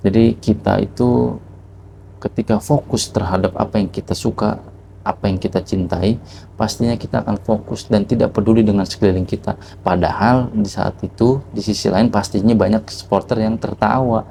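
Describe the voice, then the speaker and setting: Guy with a lowish mellow voice telling a calm life-lesson story, faint noise behind. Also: normal speed, gravelly. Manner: calm, reflective, asks rhetorical questions. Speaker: vlogger. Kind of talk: reflective motivational storytelling.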